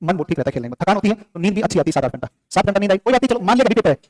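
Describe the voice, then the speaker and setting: A man teaches a class in a high, racing voice with a darkish tone and big swings in pitch. He keeps quizzing the room and answering himself to drill in facts, mixing in scolding and joking with the students.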